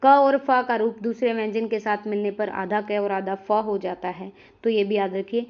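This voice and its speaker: A woman's voice: medium pitch, fairly even intonation, normal speed. A woman teaching a grammar lesson online, explaining step by step and talking straight to her viewers. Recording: dull lo-fi recording.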